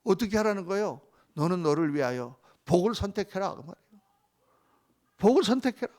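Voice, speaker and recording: A man's voice: high voice, expressive, fast, a little mellow. A male pastor preaching a sermon, emphatic, often asking the congregation questions.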